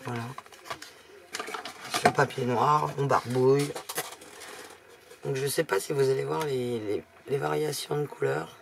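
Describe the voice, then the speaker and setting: A woman's voice: very deep voice, a little slow, gravelly, pauses often, noisy background. A woman giving a chatty, casual step-by-step craft demonstration, explaining as she works. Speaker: craft tutorial host.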